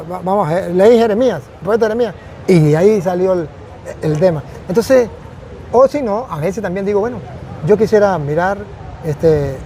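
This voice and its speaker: A man's voice: high voice, mellow, a little hiss or hum. A man, a priest, speaking earnestly and reflectively in a conversational testimony, often repeating phrases for emphasis.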